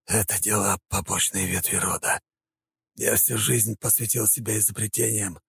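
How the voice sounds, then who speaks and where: A man's voice: lowish voice, flat delivery, moderate pace, fairly bright tone, pitched above the performer's own voice, exaggerated voice. Man doing a wheezing tortured prince. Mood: pleading. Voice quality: wheezing, rasping. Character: broken tortured male prince, rasping.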